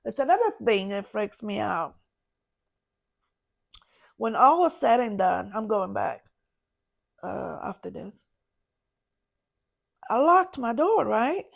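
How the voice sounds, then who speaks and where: A woman, a podcast guest, recounting a personal story in a halting way, searching for words. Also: mid-range voice, very animated, vocal fry. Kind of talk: personal story told in an interview.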